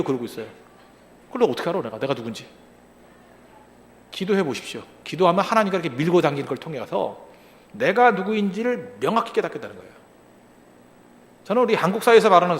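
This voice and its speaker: Male pastor, high and lively voice, animated sermon full of rhetorical questions, long reverb of a large hall. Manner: acts out short quoted lines in other voices.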